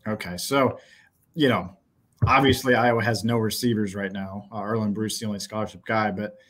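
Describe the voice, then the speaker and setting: A middle-aged man talking sports on a podcast, his voice a little husky and rough. He speaks bluntly and with animation, full of fillers and restarts. He is heard through a headset on a video call from a small office. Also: fairly low pitch, steady tone, moderate pace, a bit bright. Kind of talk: casual postgame chat.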